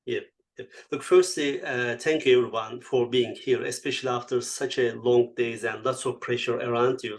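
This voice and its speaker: A man in his fifties with a Turkish accent speaks as an interview guest. He talks reflectively and unhurriedly, with frequent "uh" fillers and non-native phrasing. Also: mid-range voice. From Turkey. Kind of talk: conversational interview answers.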